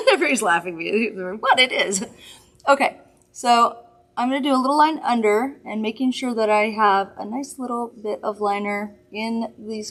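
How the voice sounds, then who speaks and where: A woman's voice: mid-range voice, fairly bright tone. Woman host, casual makeup demo, chatty and giggly with rambling asides. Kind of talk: casual product demo chat.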